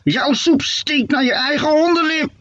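A man's voice: extremely high pitch, moderate pace, a bit bright, no room sound, lo-fi sound, pitched above the performer's own voice. A man voicing a squealing, disgusted old witch who shrieks her insults in a storybook reading.

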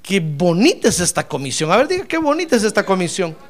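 A man preaching a sermon as pastor, animated and acting out the voices of his congregants. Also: high voice, fast talker.

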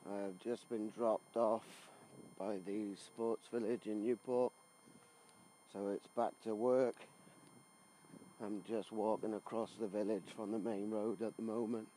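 Slow-talking man recording an audio diary. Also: fairly low pitch, little pitch movement, warm tone, poor audio. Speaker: swimming coach and podcast host. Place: on the move: car, outdoors, poolside. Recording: background noise from travel and outdoors.

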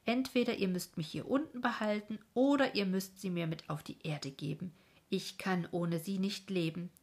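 A woman voicing an eager, lovestruck young dreamer in a storybook reading, speaking in a raised, emotional way with a breathy voice. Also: mid-range voice, normal speed, lightly acted.

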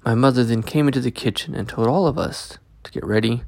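Guy reading a story out loud, gravelly fry in his voice, dry close mic. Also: mid-range voice, fairly quick, no echo. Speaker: host and story reader of a podcast. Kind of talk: scripted first-person story narration.

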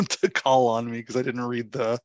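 A man's voice: mid-range voice, little pitch movement, moderate pace, a little mellow, no echo, highs cut off. A man from Florida co-hosting a podcast, chatting in an easygoing, rambling way. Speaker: podcast co-host. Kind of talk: casual chat.

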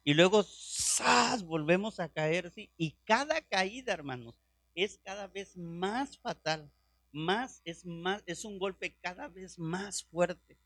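A middle-aged man preaching a sermon, impassioned and fervent, dropping to hushed prayer tones and rising again. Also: high-pitched, expressive, takes it slowly, dry recording, clean studio sound. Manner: drops to hushed prayer voice when quoting.

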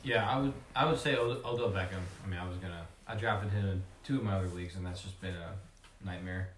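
A man's voice: low voice, fast, a bit bright, recorded from a distance, a little hiss or hum. A man on a casual podcast panel, rambling with lots of filler words. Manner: rambling, lots of "like" and "you know". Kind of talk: casual chat about fantasy football. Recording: roomy echo, a bit off mic.

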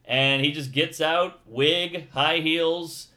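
A man's voice: fairly high pitch, takes it slowly. A man from New Orleans telling a childhood story in casual chat, acting out the voices of people in it. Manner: animated storyteller, acts out quoted voices. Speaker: guest.

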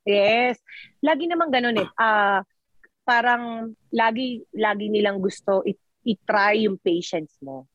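A woman's voice: medium pitch, slow, dry recording, dull audio. A woman from the Philippines in her thirties, a teacher working abroad, talking animatedly in a casual chat with laughs and self-corrections.

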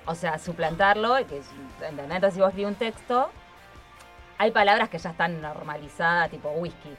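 A woman's voice: lowish voice, brisk. A woman with an Argentine accent, a proofreader, explaining things in casual radio chat. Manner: explanatory, chatty. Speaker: radio panelist, text proofreader. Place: radio studio. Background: music.

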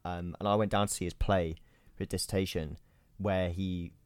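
A man's voice: sits low, steady tone, normal speed, a little mellow, clear, resonant tone, dry recording. A young man, chatting enthusiastically on a podcast, hesitating and repeating himself often. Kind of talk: casual chat.

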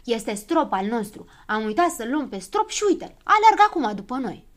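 A woman voicing a cocky, excitable and quarrelsome little boy gnome in a storybook reading, often shouting. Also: fairly high pitch. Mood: excited.

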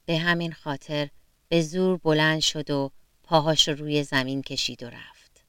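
A woman narrating a children's story gently and expressively, sometimes speaking straight to the young listeners. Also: deep voice, steady tone, clear, resonant tone, no echo.

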